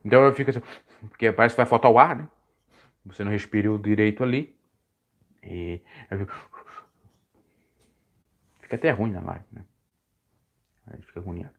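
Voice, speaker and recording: A man preaching casually on a live stream, rambling and correcting himself, his voice jumping high when he stresses a point. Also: moderate pace, pauses often. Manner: rambling, self-correcting, pitch swings high when emphatic.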